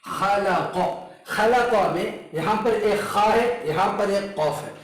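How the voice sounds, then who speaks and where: A man teaching Quranic letter pronunciation, patiently explaining each sound and repeating it slowly for his students. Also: high voice. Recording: very echoey room.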